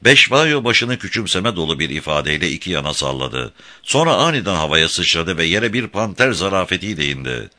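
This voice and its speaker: A man narrating a novel as a scripted audiobook reading, measured and vivid. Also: deep voice, sing-song, bright, forceful tone.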